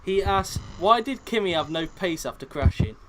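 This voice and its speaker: A man's voice: high-pitched, animated, normal speed, noisy background. A man hosting an online racing league press conference, reading out questions with lots of fillers. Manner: reads out chat questions, hesitant fillers. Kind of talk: casual online league chat.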